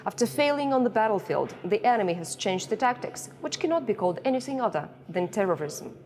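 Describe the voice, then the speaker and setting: A woman's voice: mid-range voice, big pitch swings, brisk, a little mellow. A woman with a Ukrainian accent gives a prepared statement as a company press secretary, recorded inside a bomb shelter. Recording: long echo of concrete shelter, noisy.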